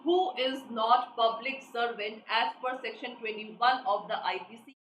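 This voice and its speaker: Running a live online class, an Indian English woman tutor repeats each question and keeps prompting students to respond. Her slightly high voice is unhurried and a bit bright, and the echoey room adds a faint hiss in the background.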